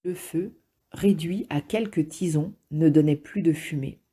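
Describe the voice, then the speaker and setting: A woman narrating an audiobook in a calm, measured, steady reading style. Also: low-pitched, husky. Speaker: audiobook reader.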